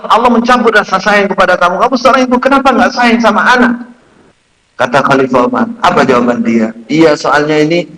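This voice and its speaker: Male preacher, sermon, higher voice, storytelling, acts out quotes, echoey mosque room. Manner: storytelling, acting out quoted voices with big pitch swings.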